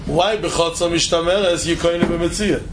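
A man's voice: on the high side, steady tone, a little fast, background noise. A man with lecturing informally as a Talmud teacher, asking rhetorical questions and repeating phrases for emphasis.

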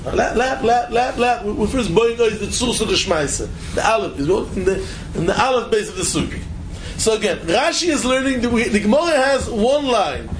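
A man's voice: high voice, expressive, moderate pace, slight background noise, rough recording. A man with lecturing informally as a Talmud teacher, asking rhetorical questions and repeating phrases for emphasis.

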